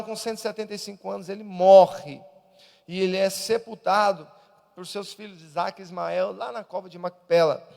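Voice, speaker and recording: A Brazilian man preaches a Sunday school lesson as an evangelist, his voice strikingly high and gravelly. He calls out to the congregation and climbs into loud emphatic peaks. The sound trails off in the long reverb of a church hall. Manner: swells into loud emphatic preaching, repeatedly addressing "irmão". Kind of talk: Pentecostal Sunday school sermon.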